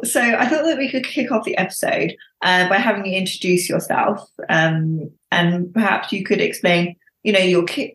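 A woman's voice: fairly low pitch, a bit bright, roomy sound. A young woman hosting a podcast interview, speaking with many fillers and hesitations. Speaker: podcast host.

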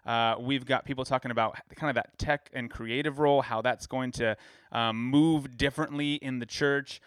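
A man's voice: medium pitch, fairly even intonation, moderate pace, a bit bright, clean tone, dry recording. A man from California hosting a podcast, talking enthusiastically and rambling a little, with many fillers. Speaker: podcast host. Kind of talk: casual podcast chat.

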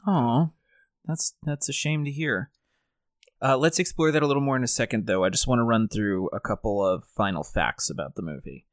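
A man leads a relaxed, conversational movie recap as podcast host. His delivery is wry and informal. The recording is dry and close, free of room echo. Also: mid-range voice, normal speed. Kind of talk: casual film recap and commentary. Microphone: own microphone on an internet call.

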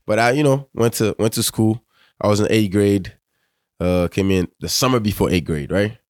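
A young pro soccer player with a West African accent chats casually as a podcast guest, laid-back and slangy, constantly saying "bro" and "you know what I'm saying." His lowish voice is a little mellow at a moderate pace, in a clean studio recording with no echo.

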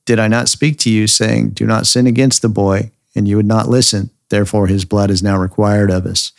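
A man reading the words of a remorseful eldest brother, in a low voice. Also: little pitch movement, brisk, creaky, no room sound, studio quality. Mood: earnest.

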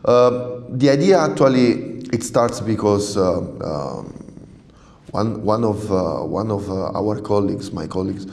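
The man speaking is a radiobiologist guest from southern Italy, a native Italian speaker conversing in English during an interview. Lowish, gravelly and slightly mellow, he is animated and unhurried but hesitant, with frequent fillers and restarts, heard reverberantly in a large hall.

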